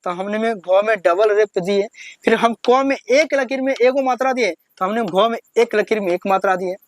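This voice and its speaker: High-voiced man teaching the alphabet. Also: normal speed. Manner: patient, repetitive, drawing out each syllable when reciting. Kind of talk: beginner alphabet lesson.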